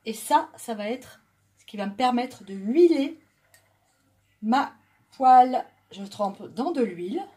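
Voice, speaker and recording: A woman's voice: a little high, lively intonation, slow, long pauses, dark tone. A woman from southwest France, hosting a chatty home cooking demonstration in her kitchen. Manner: chatty, joking, talks while stirring. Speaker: home cooking video host.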